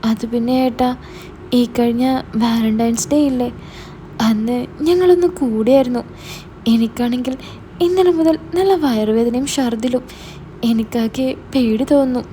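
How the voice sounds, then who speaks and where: Woman playing a frightened teen sister, begging, hesitant, high and soft-toned. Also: moderate pace, pauses often, a little hiss or hum, lightly acted. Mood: pleading. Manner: hesitant, pleading. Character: scared teenage younger sister, pleading.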